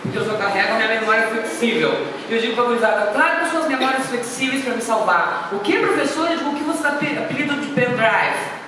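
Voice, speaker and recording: A woman with a high-ish, expressive voice talks fast as she gives a guest lecture full of anecdotes and jokes at her own expense. The informal talk was recorded in an echoey hall, with noise and the speaker well away from the mic.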